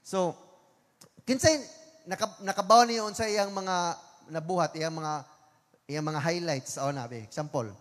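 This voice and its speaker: A man with a Cebuano accent preaching a sermon, slowing down to read scripture lines with emphasis. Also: sits high, big-room sound. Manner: mixes English scripture quotes into Cebuano, slow emphatic reading.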